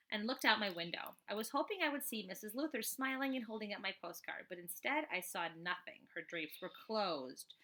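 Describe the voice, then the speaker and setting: A woman with a mid-range voice reads a children's book aloud the way a teacher would. She is expressive and animated, adding emphatic, chatty asides as she goes.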